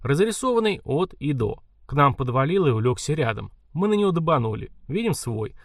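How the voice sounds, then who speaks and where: A gloomy, hard-drinking young crook, as a male reader puts him on, telling a story in street slang with a lively pitch. The recording is dry and close. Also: a little fast, dry recording. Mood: gruff.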